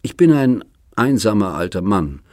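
A lonely old man from a novel lays out his offer in a deep, measured, earnest voice with a wry edge. A man reads him close to the mic. The recording is dry, with no room around it. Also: very animated, darkish tone, no room sound. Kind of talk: audiobook reading.

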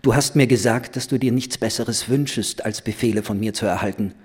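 A man's voice: lowish voice, brisk, a little mellow, breathy edge. A man reading as a young, commanding woman. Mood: earnest, commanding. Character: young woman, playful yet grave and commanding.

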